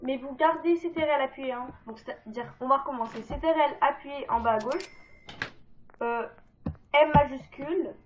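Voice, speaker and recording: Woman, high voice, rambling let's-play chatter, lots of fillers, muffled lo-fi recording. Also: normal speed, soft background music. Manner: chatty, rambling, self-deprecating, many fillers. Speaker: gaming video creator. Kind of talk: casual let's-play tutorial. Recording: dull lo-fi mic with faint noise.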